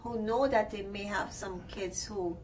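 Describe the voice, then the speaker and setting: A woman's voice: mid-range voice, a little slow, crowd noise. A woman from Trinidad hosting a talk show, polite and reassuring as she moderates the discussion. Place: TV studio. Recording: distant mic with faint ambience.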